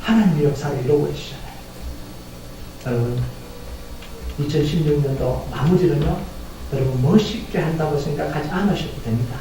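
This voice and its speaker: Impassioned high-voiced pastor in echoey church. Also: male voice, brisk, pauses often. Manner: impassioned preaching, swings from hushed to shouting. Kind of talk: sermon. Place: church sanctuary in Texas. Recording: distant echoey church sanctuary with faint noise.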